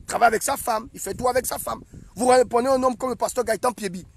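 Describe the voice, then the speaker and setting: A young man preaching an animated sermon as a prophet, emphatic and repetitive. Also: very high-pitched, fast, husky. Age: young adult. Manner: emphatic and repetitive, acts out scenes.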